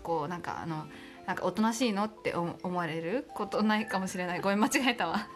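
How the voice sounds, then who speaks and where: A young woman chatting casually and playfully as co-host of an amateur audio show, with a teasing, lively back-and-forth manner. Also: lowish voice, fast talker. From Aomori, Japan. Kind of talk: casual playful chat, word game banter. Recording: background music under the voice.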